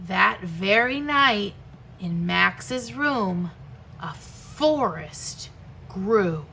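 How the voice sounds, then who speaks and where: A woman reading a picture book aloud to young children as a teacher, with expressive delivery and dramatic pauses. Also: medium pitch, vocal fry, slight background noise. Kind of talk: slow storybook read-aloud for young children.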